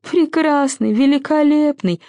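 A woman's voice: lively intonation, unhurried, a little mellow, no room sound, dull audio. A woman voicing a tiny, decrepit old male spider who shrieks and cackles crankily. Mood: cranky shrill. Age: older. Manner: shrill, cranky, giggling.

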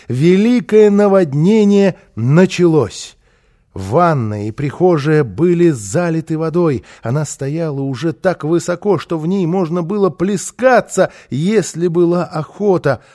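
A man narrating a children's storybook aloud in a lively, expressive manner. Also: a little high, unhurried.

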